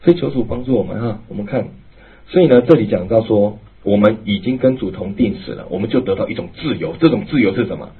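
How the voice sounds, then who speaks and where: A male pastor preaching a sermon, emphatic and animated, then dropping to a hushed, low tone. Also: quick pace. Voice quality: very husky. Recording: tinny phone-like, lo-fi.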